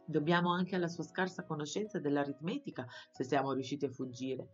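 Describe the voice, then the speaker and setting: A determined young onion boy from a storybook, earnest and loyal, in a low, warm register, as a woman puts him on. The recording is slightly muffled, with gentle music behind. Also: fairly even intonation, fairly quick, close to an everyday voice.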